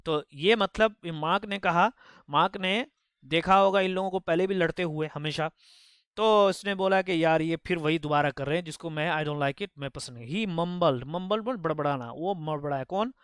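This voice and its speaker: A man's voice: a little high, normal speed, fairly bright tone, clear, resonant tone, no echo, studio quality. A man teaching spoken English, reading story lines aloud and explaining them phrase by phrase. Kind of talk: Hindi-language spoken English lesson.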